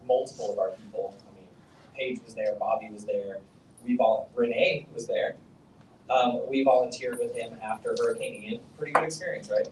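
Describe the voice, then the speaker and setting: A man's voice: medium pitch, roomy sound, distant mic, slight background noise, poor audio. A man giving a casual, profane storytelling talk on stage at a summit, leaning on "like" and "okay?". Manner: casual, profane, self-deprecating, lots of "like" and "okay?". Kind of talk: storytelling keynote speech. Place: conference hall.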